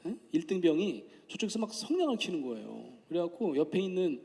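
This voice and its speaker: A man's voice: fairly high pitch, very animated, quick pace, gravelly, mellow. Male professor lecturing in a reverberant hall. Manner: conversational, asks the audience questions; acts out quoted voices in anecdotes. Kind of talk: public lecture.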